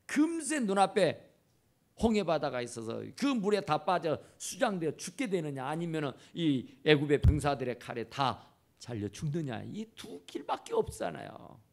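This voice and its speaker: Man, pastor, church sermon, gravelly voice, wide swings in pitch, repeats phrases for emphasis. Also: darkish tone. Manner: impassioned preaching with repeated phrases. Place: church sanctuary. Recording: church camera recording.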